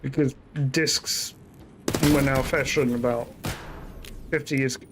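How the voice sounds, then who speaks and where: A man's voice: mid-range voice, steady tone, unhurried, background noise. Chatty man streaming a shooter. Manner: chatty, rambling, self-correcting asides. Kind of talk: casual gameplay commentary.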